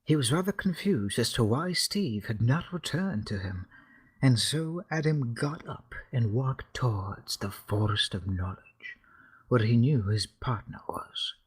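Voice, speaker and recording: A man reads a made-up holy text aloud, slow and deliberate, with a faintly husky tone. He keeps a straight, solemn delivery while fighting off laughter and running short of breath. The reading is casual and amateur. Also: mid-range voice. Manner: reads slowly with deadpan solemnity, breaking into laughter. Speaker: reader. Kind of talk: comic reading aloud of a parody scripture.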